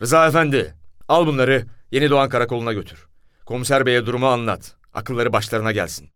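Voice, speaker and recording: A man voicing a gruff, burly, short-tempered male police commissioner who barks orders and shouts. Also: medium pitch, fast, dry recording, studio quality, lightly acted. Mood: commanding.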